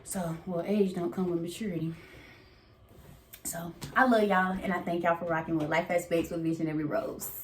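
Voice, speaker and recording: A woman's voice: on the low side, fairly even intonation, moderate pace. A woman giving casual motivational talk to camera, folksy and preachy, calling her viewers baby and y'all. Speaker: motivational vlogger. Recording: echoey room with faint noise.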